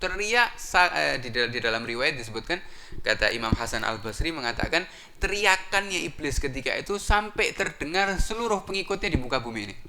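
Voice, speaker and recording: A man preaching a sermon story, asking rhetorical questions and answering them himself, with sudden jumps in pitch for emphasis. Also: very animated, a little fast, bright, forceful tone, a little hiss or hum.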